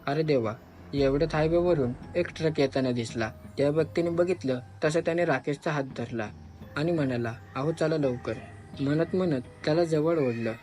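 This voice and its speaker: मराठी भयकथा सांगणारा पुरुष. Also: male voice, on the high side, fairly quick, soft background music. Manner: expressive, switches voices for characters. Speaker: storyteller. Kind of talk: dramatic horror story narration.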